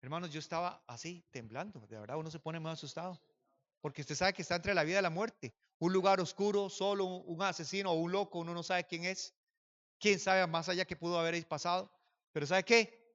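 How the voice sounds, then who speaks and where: A man preaching a sermon as pastor, telling a personal story and swinging from hushed to loud. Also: sits high, fairly even intonation, fairly quick, muffled recording.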